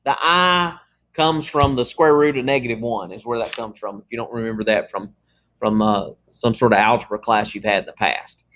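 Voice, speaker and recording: A man's voice: medium pitch, normal speed, fairly bright tone, slight background noise. A man teaching a math class in a casual, conversational lecture, checking in often with his students. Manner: casual, talks through examples with frequent "okay?" checks.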